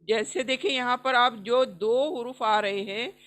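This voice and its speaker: A woman's voice: on the high side, a little slow, a bit bright. A woman teaching Quran recitation in an online class, patiently repeating each sound for students to copy.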